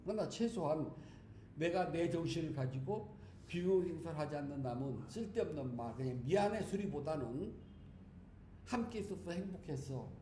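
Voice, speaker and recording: A male monk delivers a relaxed dharma talk in a warm, slightly higher-than-usual voice. He is chatty and joking and speaks straight to the congregation. The sound rings around a roomy temple hall over a faint hiss. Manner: chatty and humorous, speaking to listeners directly. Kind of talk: conversational sermon. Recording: echoey hall with faint background noise.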